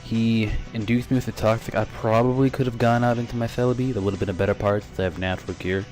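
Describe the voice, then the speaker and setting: A man's voice: lowish voice, fairly even intonation, darkish tone, faint music behind. A teenage boy casually commenting on an online game battle, rambling and correcting himself, a bit out of breath. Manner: rambling, self-correcting, quick asides. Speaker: gaming YouTuber.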